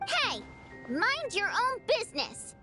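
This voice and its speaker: A woman playing a spirited, cheerful young female water imp singer in a video game, expressive, theatrical and easily flustered. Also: sits high, measured pace, music in the background. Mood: indignant, flustered. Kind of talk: animated game voice acting.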